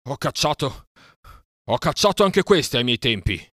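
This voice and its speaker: A man's voice: lowish voice, expressive, quick pace, vocal fry, a bit bright, dry recording, studio quality, heavily acted. A man voicing an old male wolf, pack leader, breathless as he speaks in an audiobook reading. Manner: panting, breathless.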